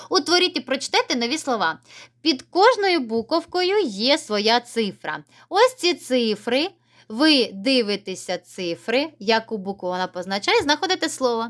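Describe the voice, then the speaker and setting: A woman's voice: medium pitch, a bit bright. A woman teaching a video reading lesson to young children, encouraging them and stretching out key words. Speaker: primary school teacher. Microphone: camera set up by herself.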